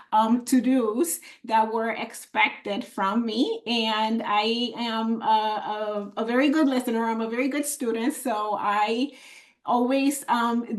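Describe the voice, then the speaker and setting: A woman from the Dominican Republic leads an online money workshop as a financial coach. She speaks slowly in a slightly high voice, encouraging her listeners, with many ums and restarts. Her voice comes through a computer mic on a video call. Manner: warm and encouraging, with frequent fillers and restarts.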